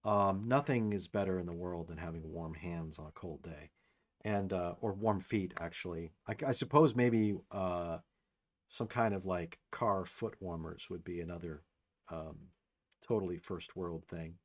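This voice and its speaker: A man hosting a casual livestream from his home studio, talking loosely with lots of fillers while a saxophone warms up. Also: low-pitched, a little slow. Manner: loose and rambling, many fillers. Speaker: livestream host and musician. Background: saxophone warming up.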